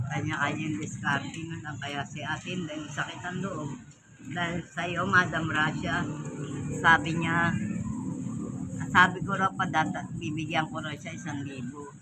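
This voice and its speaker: A woman's voice: sits low, level tone, measured pace. Woman from the Philippines, pleading appeal to viewers, outdoor street take with heavy traffic noise. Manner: pleading, repeats thanks and names. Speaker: woman asking viewers for help.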